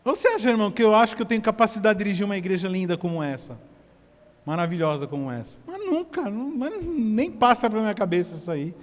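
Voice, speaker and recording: A Brazilian man preaching a sermon at a church service, swinging from hushed to loud as he directs the congregation. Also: high voice, big pitch swings, fast talker, in a large hall. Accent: Brazilian Portuguese. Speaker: pastor.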